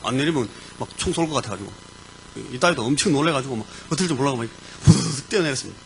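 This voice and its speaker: A man preaching as a pastor, telling a personal story with lively sound words and sudden bursts of emphasis. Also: mid-range voice, racing, vocal fry, a little hiss or hum, poor audio. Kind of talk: sermon storytelling. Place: church.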